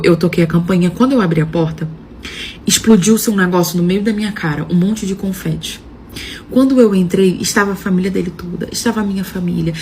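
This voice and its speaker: Fast-talking young woman telling a story. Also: medium pitch, a little hiss or hum. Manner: lively, dramatic retelling with quoted dialogue; frequent filler "não sei o quê". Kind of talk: casual first-person storytelling.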